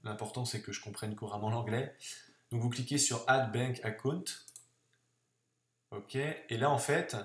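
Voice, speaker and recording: A man's voice: medium pitch, normal speed. A man hosting a casual screen-recorded tutorial, talking it through in a chatty way, with many fillers and restarts. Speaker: online tutorial host. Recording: echoey room.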